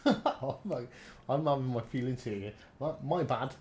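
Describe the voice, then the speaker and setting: A man in his thirties from the South Wales valleys, a live streamer and gaming video maker, swears freely and jokes around while giving game advice and casual banter on a livestream. His mid-range voice is animated, a little slow and darkish, with a touch of hiss or hum.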